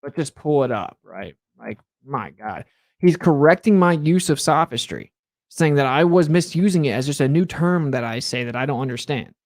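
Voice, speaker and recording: A man's voice: fairly high pitch, lively intonation, moderate pace, a little mellow. A man with a slightly raised voice, sarcastic and mocking as he reacts to clips. He sounds exasperated. His voice is recorded close and dry, with no room echo. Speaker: show host reacting to clips.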